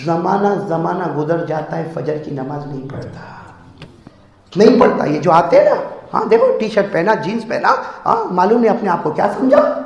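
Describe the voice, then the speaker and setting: A man from India delivering a sermon in a mosque, his voice sitting unusually high for a man. He jumps from loud, fired-up exhortation to quiet, drawn-in storytelling and keeps prodding the crowd to answer back. The sound rings around a big hall with a long, lingering echo. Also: creaky, lo-fi sound. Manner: animated, swinging between shouted exhortation and hushed storytelling; jokes and calls on the congregation to answer aloud. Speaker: preacher. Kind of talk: mosque sermon with humorous stories.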